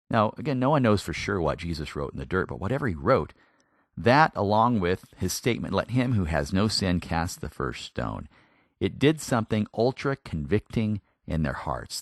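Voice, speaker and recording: A man's voice: fairly low pitch, a bit bright, dry recording, clean studio sound. A man teaching a sermon on a Bible passage, talking conversationally and putting questions to his listeners. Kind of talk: expository sermon.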